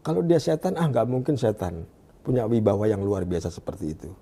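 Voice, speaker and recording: A man from Indonesia telling his story in an interview, often pausing and restarting as he searches for words, and dropping to a hushed voice when he quotes. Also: animated, husky. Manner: drops to a hushed low voice when quoting. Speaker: guest giving a testimony. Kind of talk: conversational interview.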